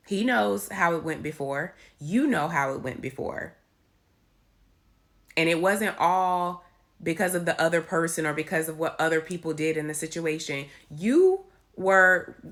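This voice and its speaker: A woman with a raspy voice giving an informal, emphatic devotional talk into her phone, repeating key phrases. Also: deep voice, fairly bright tone. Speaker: faith vlogger giving encouragement. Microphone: handheld phone.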